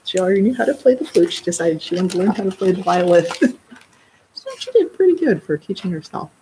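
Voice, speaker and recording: A woman's voice: medium pitch, big pitch swings, fast talker, warm tone, slight background noise. A middle-aged woman, a children's librarian, reading a picture book aloud in a live story time and adding explanatory asides.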